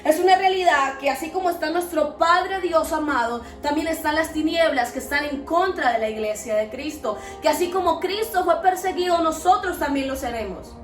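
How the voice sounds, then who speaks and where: High-voiced woman preaching. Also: moderate pace, few pauses. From Colombia. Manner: earnest, steady and exhorting, with rhetorical questions. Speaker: podcast host teaching Bible principles. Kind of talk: preaching talk. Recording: echoey, distant mic, faint music behind.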